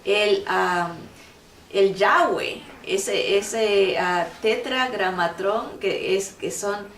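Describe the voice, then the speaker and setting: A woman teaching a Bible lesson at an unhurried pace, earnest and emphatic, pressing her points by saying them again. She sounds set back from the mic in an echoey room, with a faint hum of noise underneath. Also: medium pitch, fairly bright tone, distant mic.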